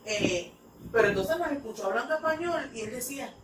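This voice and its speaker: Woman, rambling church talk, high-ish voice, distant mic, room echo. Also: expressive, brisk. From United States (New York). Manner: rambling, filler-heavy storytelling. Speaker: English teacher, ministry speaker. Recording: echoey room, mic far off, noisy.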